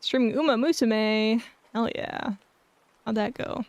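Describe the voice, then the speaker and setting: Cute, bubbly high-voiced woman streamer. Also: measured pace, a little mellow, no echo. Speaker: VTuber streamer and artist. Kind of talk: casual live stream chat.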